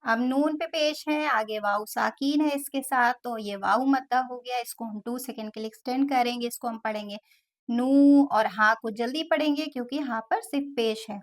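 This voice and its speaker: A woman's voice: fairly high pitch, normal speed. A woman teaching Quran recitation who spells out each letter and then draws out each long vowel. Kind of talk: slow step-by-step tajweed lesson.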